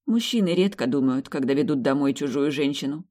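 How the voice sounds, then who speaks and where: A woman's voice: low voice, a little fast, dark tone, lightly acted. A woman reading as a bitter, wounded young wife. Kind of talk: audiobook story reading.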